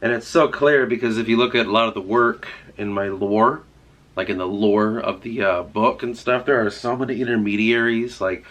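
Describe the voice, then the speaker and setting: Congested man rambling in a low voice. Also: a bit bright. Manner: rambling, heavy swearing, many "like"s. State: congested, stuffy-nosed and sore-throated. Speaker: writer vlogging. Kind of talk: casual rambling vlog talk.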